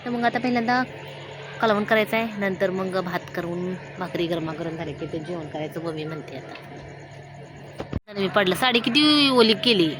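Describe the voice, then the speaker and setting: A woman in her thirties from Maharashtra, with a voice on the low side and a moderate pace, vlogs casually to the camera outdoors at a village home by a wood stove in the evening. She talks to her viewers and family as she goes, with noise in the background.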